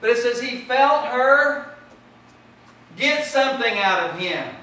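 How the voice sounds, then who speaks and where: A man's voice: very high-pitched, expressive, slow pace, bright, forceful tone, heavy reverb, recorded from a distance, rough recording. A man preaching a sermon with impassioned delivery that rises and falls in volume. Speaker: pastor. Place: church sanctuary.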